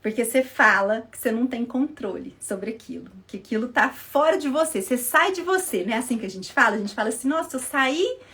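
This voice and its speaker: Animated, high-voiced woman teaching live. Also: fast, few pauses. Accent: Brazilian Portuguese. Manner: animated, keeps checking in with listeners. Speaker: therapist hosting a live stream. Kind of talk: casual live-stream talk. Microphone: live-stream setup, earring knocking the mic.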